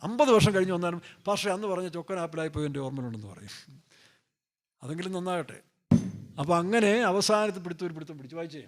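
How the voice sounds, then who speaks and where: A man's voice: high-pitched, lively intonation, quick pace. A male pastor preaching a sermon in a loose, joking way, firing off rhetorical questions and playfully acting out scripture characters.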